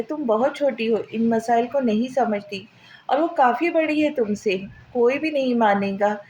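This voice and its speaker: Woman reading as a gentle coaxing young wife. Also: on the high side, slight background noise, natural voice. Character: loving young wife and sister-in-law.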